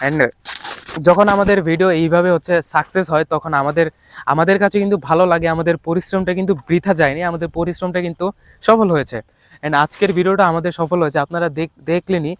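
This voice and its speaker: Fast-talking young man vlogging outdoors. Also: a little high, fairly even intonation, slight background noise. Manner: talkative, fillers and restarts, shouts to a distant teammate. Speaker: YouTube vlogger. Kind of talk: casual outdoor vlog. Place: outdoors in open ground.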